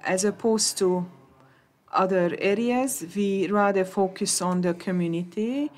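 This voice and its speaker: A woman interpreting conference talks into English, halting, with many hesitations and restarts. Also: mid-range voice, a little mellow.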